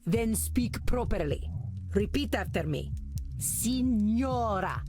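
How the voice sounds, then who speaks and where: An actress playing an imperious, sharp-tongued Renaissance vampire noblewoman in a video game, with an Italian accent and a disdainful, commanding manner. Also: mid-range voice, big pitch swings, unhurried. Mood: haughty, exasperated. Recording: game music behind.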